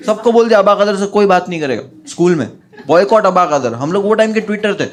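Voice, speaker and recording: A man doing stand-up, telling a childhood story in an animated way and acting out his friends' voices. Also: high-pitched, a little fast, noisy background. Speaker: stand-up comedian.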